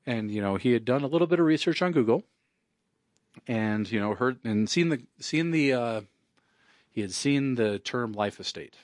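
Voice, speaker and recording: A man's voice: mid-range voice, animated, normal speed, dry recording. Wry, chatty lawyer man, dry sound. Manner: wry and conversational, leans on "you know". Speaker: estate planning attorney. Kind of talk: casual spoken monologue.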